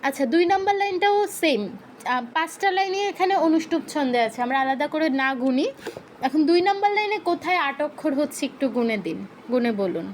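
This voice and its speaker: A woman teaching an online class, slowly chanting verses to drill pronunciation and patiently quizzing her students with corrective questions over a video call. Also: high voice, sing-song, slight background noise.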